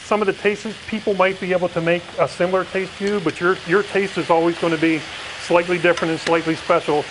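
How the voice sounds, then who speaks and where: Speaking fast in a high voice with fairly even intonation, this middle-aged Pennsylvania man who owns a restaurant rambles through a TV cooking segment, full of fillers and repeated words. The indoor studio kitchen set is noisy, with faint sizzling from food frying.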